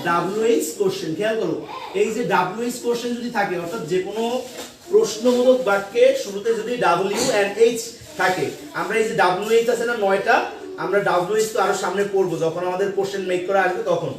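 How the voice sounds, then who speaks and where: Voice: mid-range voice, fast talker. Teacher drilling a class in a roomy classroom. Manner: repeats questions and has the class answer back. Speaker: English teacher. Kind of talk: classroom lesson with call and response. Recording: echoey classroom from far off with pupils.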